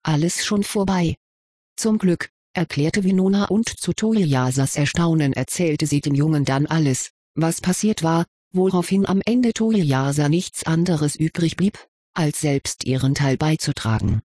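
Steady storyteller for a fantasy audiobook, husky and intimate. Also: medium pitch, measured pace, no echo, studio quality. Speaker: narrator. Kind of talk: audiobook narration of fan fiction.

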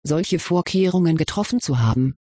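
A reader voicing a calm, reasonable old headmaster wizard who speaks in a measured way in a storybook reading. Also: mid-range voice, slightly rough, no room sound, studio quality.

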